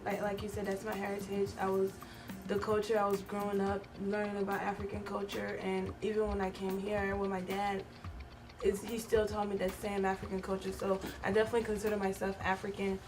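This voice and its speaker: A woman from Ivory Coast, a talk show guest, speaking haltingly and earnestly. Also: mid-range voice, monotone, music in the background. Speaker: guest, pre-K assistant teacher. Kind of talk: casual talk show conversation. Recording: voice picked up from a distance.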